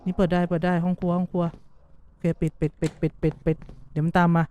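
A man's voice: sits high, little pitch movement, fast, dark tone, clear, resonant tone, soft background music. A man streaming a horror game, talking to his viewers and blurting out repeated startled exclamations. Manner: jumpy, blurts repeated exclamations, asks viewers what they hear. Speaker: gaming streamer. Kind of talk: horror game let's-play commentary.

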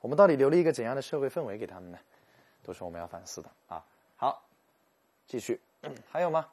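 A man giving a lively, joking English vocabulary lecture, slowing down to sound out English words. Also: mid-range voice, husky. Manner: animated, jokey, stretches English words slowly to show pronunciation.

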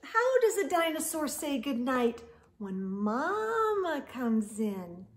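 A woman in her forties reads to young children in a small indoor room lined with bookshelves. Her high voice moves unhurriedly, and she stresses words with animated, drawn-out emphasis like a picture-book storyteller.

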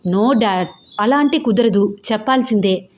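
A woman voicing an eager young adult daughter who asks excited, teasing questions. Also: mid-range voice, normal speed, lightly acted. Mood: insistent.

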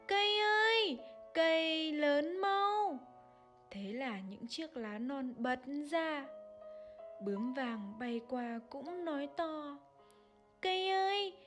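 Woman with a high voice telling a children's tale slowly and gently, over faint music. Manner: slow, gentle, expressive storytelling. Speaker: storyteller. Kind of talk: children's story narration.

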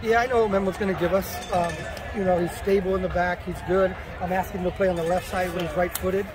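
Coach, high-pitched man, casual halting answers, outdoor stadium crowd behind. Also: fairly even intonation. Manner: casual, repeats words, many "you know" fillers. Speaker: soccer coach at a postgame press conference. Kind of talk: postgame press conference answers. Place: outdoors at a stadium after a match.

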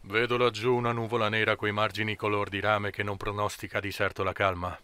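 A man's voice: lowish voice, little pitch movement, a little fast, bright, forceful tone, clear, resonant tone. A man voicing an anxious, insistent young traveler in an audiobook, asking worried questions.

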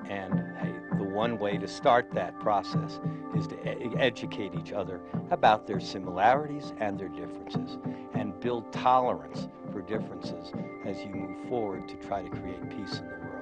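A man's voice: fairly low pitch, normal speed, loud music behind the voice. A man in a documentary interview, emphatic and reflective.

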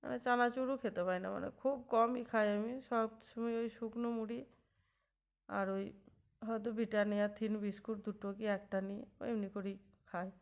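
A woman's voice: a little high, steady tone, fairly quick. A woman in her thirties chatting in a homely, rambling way as she narrates a cooking vlog in her home kitchen. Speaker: housewife vlogger.

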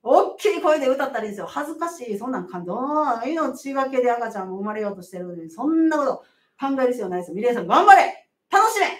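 Lively middle-aged Kansai midwife. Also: female voice, fairly high pitch, very fast, echoey room, distant mic. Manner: animated, laughing, emphatic storytelling. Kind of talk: casual live-stream advice talk.

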